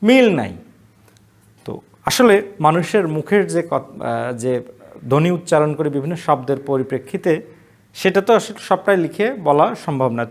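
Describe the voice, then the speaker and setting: Male college lecturer, slightly high voice, explanatory, asks and answers his own questions. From Bangladesh. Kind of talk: online class lecture.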